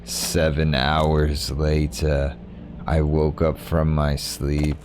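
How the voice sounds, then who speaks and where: A man's voice: very deep voice, completely flat delivery, very slow, darkish tone, slight background noise. A young man streaming a game, talking in a drowsy, rambling, self-mocking way. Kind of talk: casual gameplay commentary.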